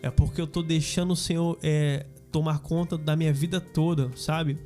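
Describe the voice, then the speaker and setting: A man with a Brazilian Portuguese accent, a podcast guest telling a personal faith story in a relaxed, slangy, casual way. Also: a little high, normal speed, faint music behind. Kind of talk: casual testimony chat.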